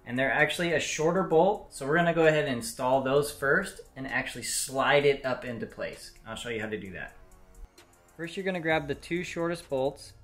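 Speaking fairly high and with a fairly bright tone, this mechanic host is a young man in his twenties giving a how-to repair walkthrough. He addresses the camera from an indoor home garage, explaining each step plainly. His voice echoes off the room.

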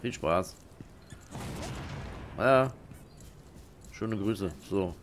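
A man's voice: on the low side, drawn-out words, background noise. A man giving casual let's play commentary, with dry, joking asides to his viewers.

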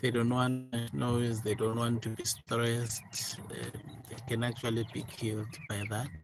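A man speaking softly and hesitantly with many fillers, showing his broiler chickens in a chicken house on a handheld phone. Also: mid-range voice, level tone, measured pace, noisy background. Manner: soft, hesitant, many fillers and repeated words. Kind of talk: informal farm walkthrough vlog. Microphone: handheld phone, speaker off camera. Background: chickens chirping.

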